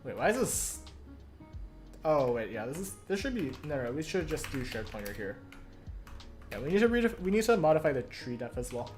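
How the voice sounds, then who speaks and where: Young adult live-coder, hoarse today, rambling and self-correcting, mid-pitched voice, light music underneath. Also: very animated, brisk, darkish tone. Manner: thinks aloud, self-correcting, many fillers. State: hoarse, croaky. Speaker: streamer studying compilers. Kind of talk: casual live-coding narration.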